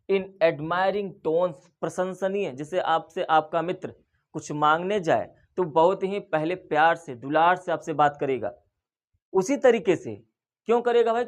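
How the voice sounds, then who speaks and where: High-voiced Indian teacher, slow and patient. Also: male voice. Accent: Indian English. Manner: reads English lines very slowly, then explains in Hindi with rhetorical questions. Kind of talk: line-by-line poem explanation.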